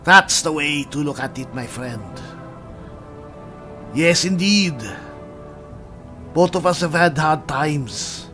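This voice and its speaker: A man role-playing a hearty, loyal, bawdy barbarian adventurer in a game, speaking in halting, thoughtful phrases. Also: a little high, sharp tone, soft background music. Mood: warm, rousing. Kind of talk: improvised game role-play.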